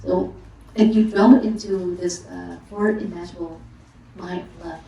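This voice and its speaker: A woman giving a dharma talk as a Buddhist monastic teacher, speaking haltingly with frequent fillers and restarts. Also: lowish voice, fairly even intonation, creaky, dark tone. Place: monastery hall during a retreat. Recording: echoey room from a distant mic.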